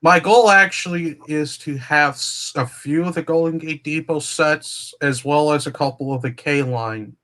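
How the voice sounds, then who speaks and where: Slow, rambling man in casual chat. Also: on the high side, bright, forceful tone. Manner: slow, meandering explanations with many fillers. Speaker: guest on train livestream.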